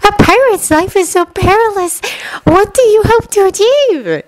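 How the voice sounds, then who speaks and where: A woman's voice: very high voice, animated, measured pace, no room sound, voice pushed up, poor audio. A woman voicing lovestruck schoolgirls who ask earnest, worried questions. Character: group of lovestruck schoolgirl clients.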